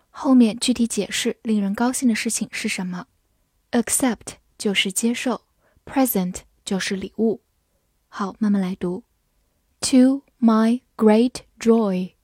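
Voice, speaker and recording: A Chinese-native woman with a fairly high, mellow voice teaches English vocabulary in a scripted lesson. She spells each word letter by letter and reads the example sentences slowly. The recording is dry and studio quality.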